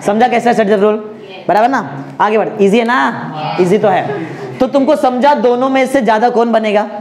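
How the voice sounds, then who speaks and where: A man with an Indian accent teaching a chemistry class, drilling students with slow repetition, coaxing and joking. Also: high voice, a little mellow. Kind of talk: classroom lecture.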